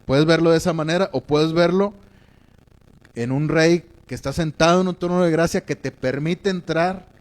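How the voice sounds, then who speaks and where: A man's voice: mid-range voice, darkish tone. A man preaching a sermon in a reflective way, often checking in with his listeners.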